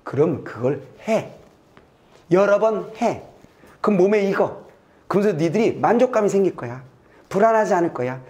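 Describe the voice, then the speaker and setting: A middle-aged man lecturing on a test passage in a lively, playful way. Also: high voice. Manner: lively, playful, acts out little scenes and sound effects. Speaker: Korean literature tutor. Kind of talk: lecture with acted examples.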